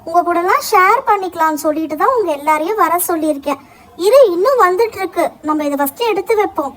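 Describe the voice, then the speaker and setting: A woman's voice: extremely high pitch, expressive, quick pace, fairly bright tone. A woman voicing a cheerful, generous young girl in a doll-play story, bubbly and chatty.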